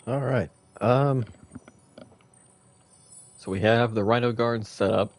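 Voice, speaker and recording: A man's voice: medium pitch, slow pace, soft background music. A man hosting a live gaming stream, casually thinking aloud as he builds and chuckling at his own slips. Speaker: gaming livestreamer. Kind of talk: live gameplay commentary.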